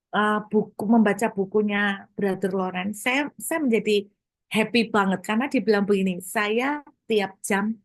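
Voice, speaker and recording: A woman pastor preaching a conversational sermon, lively, asking her listeners questions and playing out little everyday scenes, with English words mixed in. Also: a little high, no room sound. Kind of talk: conversational sermon to a congregation and online viewers.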